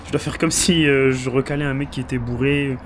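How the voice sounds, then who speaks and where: A young man with a hoarse voice, chatting casually in a vlog and laughing often. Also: medium pitch, steady tone, moderate pace, noisy background. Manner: laughs often, mixes French and English. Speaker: vlogger. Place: small room indoors.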